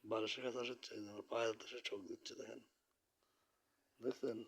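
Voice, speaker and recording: A man quietly narrating a late-night home vlog about his pet bird, speaking softly so the neighbors can sleep. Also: medium pitch, level tone, fast talker, breathy edge. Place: indoors at home, in bed.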